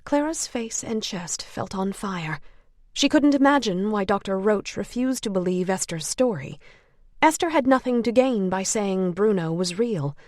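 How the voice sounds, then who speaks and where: A woman narrating an audiobook of a novel in a measured storytelling manner. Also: medium pitch, lively intonation, a little mellow, dry recording, clean studio sound.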